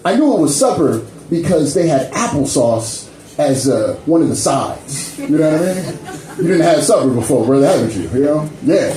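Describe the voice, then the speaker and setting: A man's voice: a little high, big pitch swings, moderate pace. A man doing a stand-up set, telling a story while constantly checking in with the crowd. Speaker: stand-up comedian. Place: comedy club stage. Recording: echoey club mic with loud crowd.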